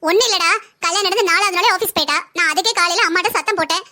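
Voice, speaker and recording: A woman voicing a bossy, sharp-tongued older sister-in-law who taunts and scolds in a cartoon family story. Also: very high-pitched, rapid-fire. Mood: scolding.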